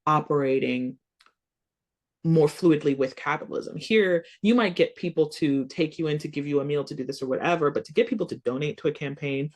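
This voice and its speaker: A woman from the United States, a coach and founder, talking as a guest in a casual podcast interview, animated and earnest, full of "like" and "you know". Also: deep voice, fairly quick, few pauses. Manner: earnest, emphatic, speeds up in bursts.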